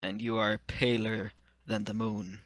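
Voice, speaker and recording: A man's voice: on the low side, level tone, unhurried, fairly bright tone, no room sound. A man voicing a haughty, teasing adventurer with a put-on island accent in tabletop role-play. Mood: mocking.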